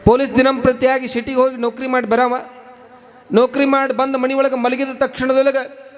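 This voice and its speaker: A man's voice: very high voice, completely flat delivery, moderate pace. A man with a North Karnataka Kannada accent telling a story in a sermon. He repeats phrases for emphasis and addresses the audience directly. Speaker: preacher.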